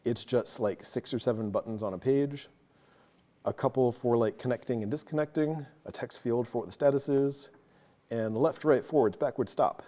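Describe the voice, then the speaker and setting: A man presenting a technical talk to a live audience, quick and casual, joking about himself. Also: mid-range voice, warm tone. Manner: fast, casual, self-deprecating. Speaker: meetup presenter. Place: meeting room with an audience.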